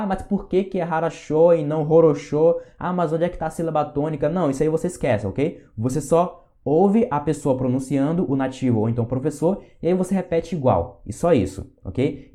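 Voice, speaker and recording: A man's voice: fairly high pitch, mellow. A Brazilian man teaching an online Russian lesson, patient and reassuring, checking in often with his students. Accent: Brazilian Portuguese.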